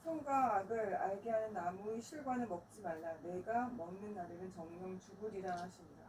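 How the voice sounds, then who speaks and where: A woman's voice: mid-range voice, normal speed, darkish tone. A woman deaconess talking with her pastor, eagerly agreeing and sharing her experience. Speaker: church deaconess. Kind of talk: conversational testimony.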